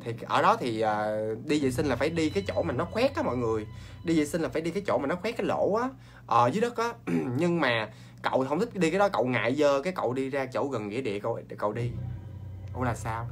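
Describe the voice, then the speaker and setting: A man with a Southern Vietnamese accent, hosting a ghost story show in a chatty, animated way and talking straight to his viewers. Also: mid-range voice, a little hiss or hum. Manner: animated, talks straight to viewers, quick asides and laughs.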